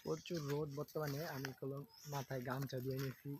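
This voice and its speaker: A man's voice: medium pitch, level tone, quick pace, background noise. A man, a first-time vlogger rambling casually outdoors by the fields, filming on an old phone. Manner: rambling, repeats "okay?" often. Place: outdoors by fields in hot sun. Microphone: old handheld phone.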